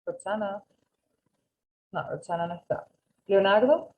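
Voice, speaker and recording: A woman's voice: mid-range voice, expressive, unhurried, narrow, tinny audio. A woman teaching an English class over a video call, patiently correcting students and mixing with English. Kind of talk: online class instruction.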